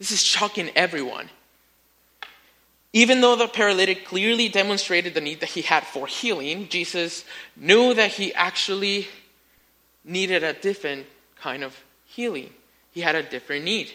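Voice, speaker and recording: Bright, high-voiced male preacher. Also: normal speed. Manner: animated storytelling, rising to near-shouts in acted quotes; addresses listeners as friends. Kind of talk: sermon.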